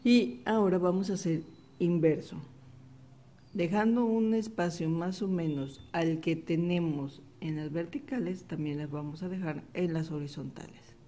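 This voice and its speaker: A woman giving a patient, step-by-step embroidery lesson, calmly repeating each stitch. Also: on the low side, a little slow. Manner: calm step-by-step instruction, repeats the steps softly. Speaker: embroidery teacher. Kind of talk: slow, patient craft tutorial.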